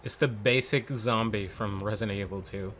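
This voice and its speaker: A man's voice: lowish voice, steady tone, moderate pace, a bit bright, a little hiss or hum. A man casually commenting on his game playthrough, offhand and joking, muttering to himself. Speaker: gamer.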